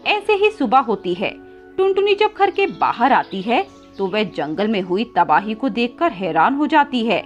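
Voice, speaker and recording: A woman narrating a children's cartoon story in an expressive, scripted way. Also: a little high, measured pace, lo-fi sound, soft background music.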